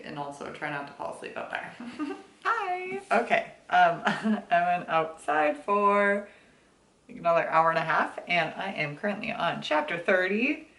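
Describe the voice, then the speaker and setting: A young woman with a slightly low voice chats about books in a bubbly, slangy way. Her talk bounces around in a roomy, echoey space at home. It sounds like a casual vlog filmed in her own house. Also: a bit bright. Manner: bubbly, chatty, with slangy asides and laughs. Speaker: book vlogger. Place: home, indoors.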